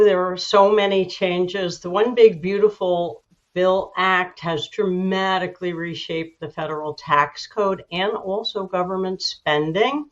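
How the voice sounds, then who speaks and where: A woman giving measured, informative, slightly halting explanations as an expert guest in a broadcast interview. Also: medium pitch, muffled recording.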